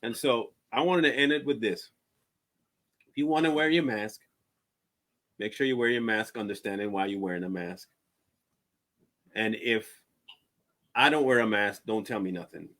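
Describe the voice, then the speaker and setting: A man hosting a casual chat, telling lively stories and laughing often. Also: lowish voice, moderate pace, long pauses. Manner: animated storyteller, laughs often. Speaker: podcast host.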